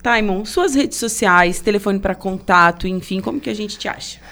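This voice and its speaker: A man's voice: high voice, moderate pace, sharp tone. A male host runs a casual interview. He is chatty and asks his questions plainly. He keeps the talk moving with short affirming replies.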